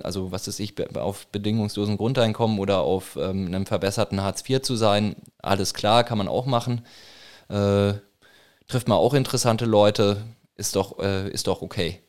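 A man in his thirties from northern Bavaria, answering interview questions in a halting way, full of fillers and restarts. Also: on the low side, steady tone, darkish tone, clear, resonant tone. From Franconia, northern Bavaria, Germany. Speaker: interviewee, protest organizer. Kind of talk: casual interview.

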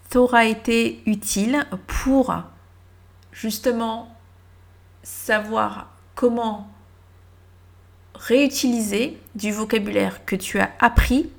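Slow, gravelly-voiced woman teaching. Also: a little high. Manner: hesitant, thinking aloud with fillers and spelled-out letters. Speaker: English teacher. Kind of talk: casual spoken lesson.

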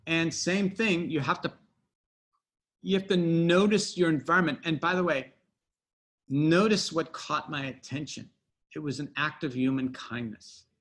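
A man's voice: a little high, measured pace, a bit bright. A middle-aged man telling a personal anecdote in a casual interview, rambling with fillers and restarts. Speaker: guest storyteller.

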